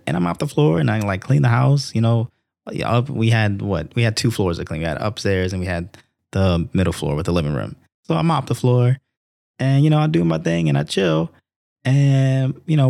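A young man hosting a Bible reading show, telling the stories in a casual, animated way and acting out the characters' lines. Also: fairly low pitch, creaky, dry recording, clean studio sound. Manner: animated storytelling, acts out quotes; conversational with frequent restarts. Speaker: Bible reading podcast host. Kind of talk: casual devotional commentary.

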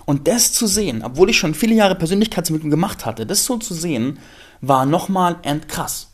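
Podcast host, male, slightly high voice; candid, emphatic monologue with casual swearing. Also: animated, a little fast. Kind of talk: personal storytelling monologue.

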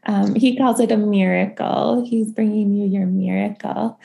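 A woman hosting a podcast and giving an intuitive reading, gentle and halting with many pauses and ums, speaking reassuringly. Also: medium pitch, fairly even intonation, creaky.

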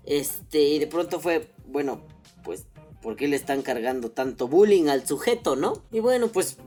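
A man's voice: fairly high pitch, lively intonation, moderate pace, warm tone, soft background music. Profane Mexican man hosting a podcast. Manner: profane, jokey, rambling. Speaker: podcast host. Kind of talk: casual podcast monologue.

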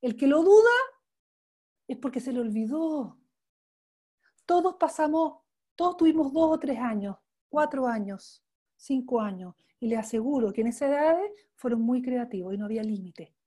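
High-voiced, effusive woman coaching trainer. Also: animated, normal speed, warm tone. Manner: effusive, emphatic, punctuated with rhetorical check-in questions. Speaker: coaching trainer leading an online class. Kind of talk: informal live teaching, improvising.

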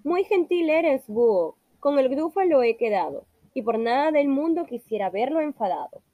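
A woman voicing a small, clever, boastful mouse who speaks slowly with a sly, playful manner. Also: high voice, sing-song, no room sound, narrow, tinny audio.

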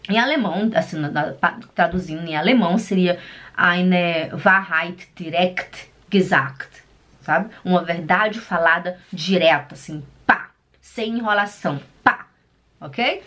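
Brazilian woman, language teacher, slow and encouraging, drills words patiently. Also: fairly low pitch, a bit bright. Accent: Brazilian Portuguese. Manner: chatty, encouraging, checks in with "né?" and "tá?". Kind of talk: casual spoken lesson.

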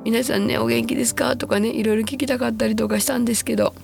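A woman in her sixties with a Kansai accent, hoarse and husky from a throat cold, chatting casually and self-deprecatingly as a podcast host. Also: a little high, fairly even intonation, soft background music. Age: 60s. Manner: chatty, self-deprecating, slows to a soft hush at times. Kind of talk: casual solo podcast talk.

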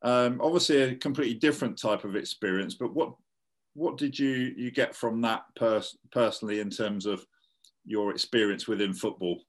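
Male host, middle pitch, halting questions, repeats words, interviewer. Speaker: podcast host.

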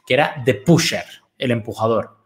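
A man's voice: medium pitch, normal speed. A man with a Spain Spanish accent and an ordinary mid-range voice. He chats as a podcast guest. He tells long, winding anecdotes with a casual, profane edge. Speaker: guest commentator. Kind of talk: casual chat.

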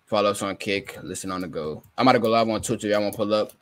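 Brief: young male podcast host, lowish voice, profane teasing banter. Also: racing, fairly bright tone. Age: 20s.

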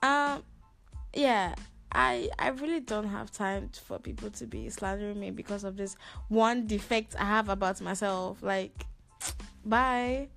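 A Ghanaian woman in her twenties, who has lived in Ghana six plus years, hosts a casual solo podcast with faint music behind her. Her medium-pitched voice is unhurried and fairly bright with vocal fry. She's sassy and slangy, complaining theatrically as if venting to her listeners.

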